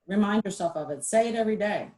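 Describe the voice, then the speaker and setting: Give me a middle-aged woman giving a casual webinar talk on a video call, animated and joking at her own expense. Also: medium pitch, fast talker. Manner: chatty, animated, self-deprecating. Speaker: presenter.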